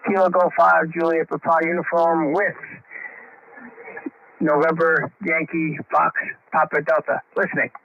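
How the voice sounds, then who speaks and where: A man on a ham radio transmission, calling out call signs in the phonetic alphabet in a steady, measured way. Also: fairly high pitch, vocal fry. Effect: heard over a ham radio transmission. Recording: muffled radio audio with faint static.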